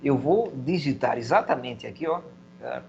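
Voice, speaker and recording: A man's voice: medium pitch, expressive, moderate pace, creaky, a little mellow, lo-fi sound, a little hiss or hum. A man teaching a recorded video lesson, explaining step by step and putting questions to himself in his students' voice. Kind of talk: video lecture.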